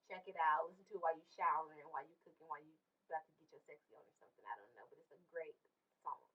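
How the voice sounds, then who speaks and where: A woman's voice: low-pitched, fairly even intonation, rapid-fire, distant mic. A woman podcast host runs a casual segment with breezy enthusiasm. She sounds a little away from the mic, and the recording is dull and muffled. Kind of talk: casual show segment, music picks.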